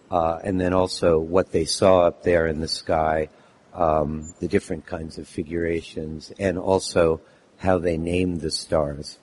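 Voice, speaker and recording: Man, hoarse, mumbling, many fillers, deep voice, faint room noise. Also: a little mellow. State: lost voice, hoarse. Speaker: poet reading his work. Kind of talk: live poetry reading.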